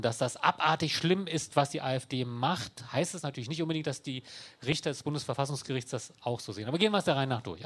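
A man giving an explanatory talk to an audience in a conversational, wry way, with dry sarcastic asides. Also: medium pitch. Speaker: speaker explaining law to an audience.

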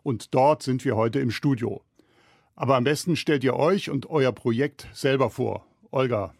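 A man's voice: medium pitch, normal speed, creaky, a little mellow, slightly rough, dry recording. A man opens a podcast as its moderator, friendly and straightforward in delivery. His voice sits in a middle range. It is recorded close and dry in a studio. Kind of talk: scripted podcast opening. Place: radio studio.

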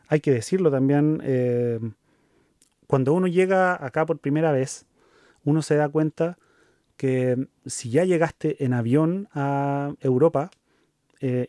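A Chilean man in his thirties co-hosting a casual conversation, speaking thoughtfully with pauses and fillers. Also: mid-range voice, mellow, no echo, clean studio sound. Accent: Chilean Spanish. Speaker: co-host.

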